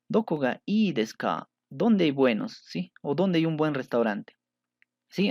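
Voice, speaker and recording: A patient male teacher talks learners through grammar points, often pausing to check that they follow. His voice sits at an ordinary middle pitch, and the recording is dry and close with no room echo. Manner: patient, checks understanding with frequent "¿sí?". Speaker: Japanese language teacher. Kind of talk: explanatory lesson.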